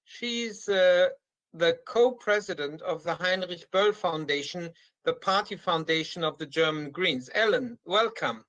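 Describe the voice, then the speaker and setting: A man's voice: a little high, unhurried, fairly bright tone, poor audio. A man hosting an online conference, moderating and handing the floor from one speaker to the next.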